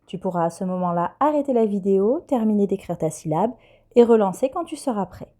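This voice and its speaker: A woman teacher, giving a patient, clear dictation lesson to young children and spelling letters one by one. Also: mid-range voice, lively intonation, fairly quick, dark tone. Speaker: primary school teacher.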